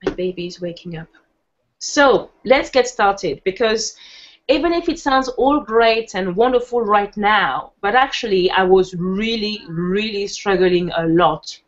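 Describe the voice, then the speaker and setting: A woman from France runs a casual webinar, speaking unhurriedly in a mid-range voice with a French accent. Her style is chatty and full of laughs, fillers and restarts, and the video-call recording is muffled.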